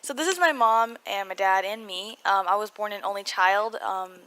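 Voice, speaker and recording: A young woman with an American accent and a mid-pitched voice chats through a personal voice-over for a video blog. Her words come out a little muffled, as if around braces. She rambles, cuts herself off and drops in self-mocking asides. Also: normal speed, fairly bright tone. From California, United States. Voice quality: slightly muffled articulation from braces. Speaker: video blogger. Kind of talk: casual chatty voice-over storytelling.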